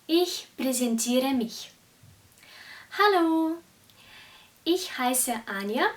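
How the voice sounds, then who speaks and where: A Russian woman in her twenties, a native Russian speaker, teaches a beginner German lesson in a high voice with lively intonation. She speaks slowly and articulates carefully, and the mic sits at a distance.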